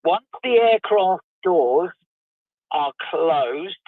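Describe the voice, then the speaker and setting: A man's voice: on the high side, expressive, drawn-out words, dry recording. A man calling in to a radio phone-in, chatting and joking, his voice muffled as if he were at the bottom of a well. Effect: muffled phone line, as if down a well. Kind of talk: casual chat. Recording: tinny phone line.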